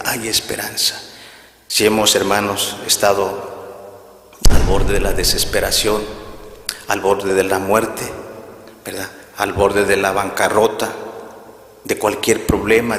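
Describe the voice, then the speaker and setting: A preacher delivers a sermon in a gravelly, bright voice, often turning to his flock with a questioning aside. He acts out scripture scenes as he goes. The recording carries a long reverb from a large hall. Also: fairly low pitch. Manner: repeats "brothers" and "right?" often, acts out Bible scenes. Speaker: minister.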